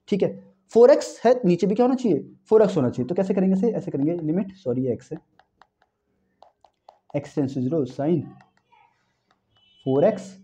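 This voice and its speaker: A young man giving an animated exam-prep math lecture, repeating key phrases and talking to students as friends. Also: a little high. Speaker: math teacher.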